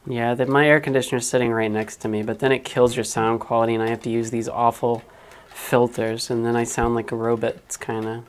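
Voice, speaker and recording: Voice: mid-range voice, little pitch movement, fairly quick. A live-streamer chatting casually while wiring a 3D printer in a small hot room at home, muttering to themselves and swearing now and then. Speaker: livestreamer building a 3D printer.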